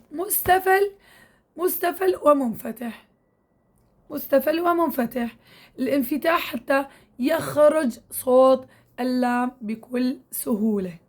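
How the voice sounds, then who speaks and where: A woman teaching Quran recitation to women, patiently drilling sounds and repeating syllables slowly. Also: high voice. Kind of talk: tajweed lesson to women learners.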